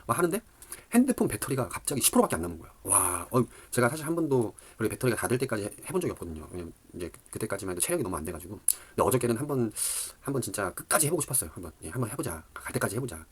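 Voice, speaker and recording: In a casual, rambling monologue, a middle-aged man who lectures on dating tells a story packed with fillers and animated asides. He speaks rapid-fire in a husky, fairly low voice.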